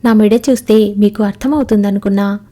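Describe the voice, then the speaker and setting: Soft young wife in a telugu storybook, read by a woman, mellow flat even voice, a bit teasing. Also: mid-range voice, brisk, close to an everyday voice. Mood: tender. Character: Radha, devoted young wife, gentle and homely.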